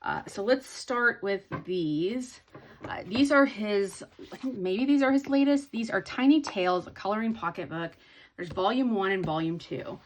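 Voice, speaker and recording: A woman's voice: mid-range voice, animated, normal speed, a little hiss or hum. A woman chatting casually in a hobby haul video, rambling with many ums and restarts. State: sleepy, yawning. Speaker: hobby vlogger.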